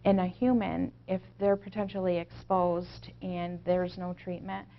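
Gravelly, low-voiced woman giving interview answers. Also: flat delivery, a little slow, lo-fi sound, a little hiss or hum. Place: small indoor office.

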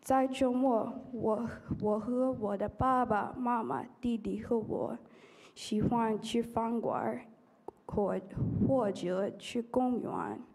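A teenage American girl, native in English, gives a prepared speech in foreign-learner Mandarin. Her voice is a little high, and she goes very slowly and haltingly into a podium microphone. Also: fairly even intonation, darkish tone, low-quality recording. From United States. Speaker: high school student contestant. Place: auditorium stage at a podium.

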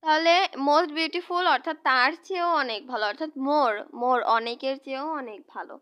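A woman teacher explaining English grammar to students in a slow, patient way, repeating and spelling out each example word. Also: high voice, fairly bright tone.

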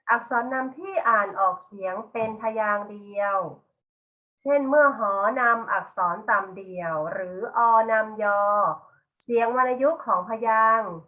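A middle-aged woman teacher giving a patient, slow classroom lesson, spelling out one example word after another. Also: fairly high pitch, fairly bright tone.

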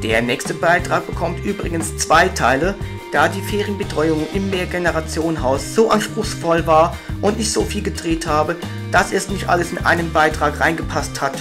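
A man's voice: a little high, moderate pace. A man hosting a local video report, narrating cheerfully and asking interview questions. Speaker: host and interviewer. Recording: music bed behind the voice.

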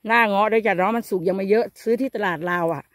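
A woman's voice: mid-range voice, racing. A woman with an Isan Thai accent, vlogging in a bamboo forest on a handheld phone, chatty and teasing as she talks to viewers. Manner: chatty, teasing, exclaiming often. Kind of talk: casual chat to viewers.

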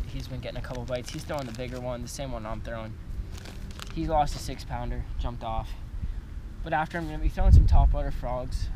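A teenage male fishing vlogger talks casually to his camera in a mid-pitched voice. He is recorded outdoors, with loud wind and traffic noise around him. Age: teens. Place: outdoors on a grassy pond bank and by a car. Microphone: action camera at varying distance.

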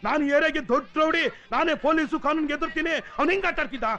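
An actor playing a loud, boastful neighbourhood tough guy who threatens and shouts. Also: extremely high pitch, very fast, lo-fi sound. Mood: blustering. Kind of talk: film dialogue.

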